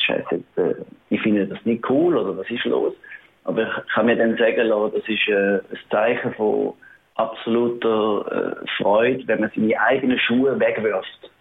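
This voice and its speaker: This musician's voice is fairly low and gravelly. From Schaffhausen in Switzerland and carrying a Swiss German accent, he answers an interviewer casually and hesitantly, restarting often and using lots of fillers, all on a tinny, phone-like line.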